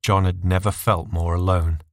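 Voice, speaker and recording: Male story narrator, dark scripted fiction, low pitch, close dry sound. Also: level tone, normal speed, no echo.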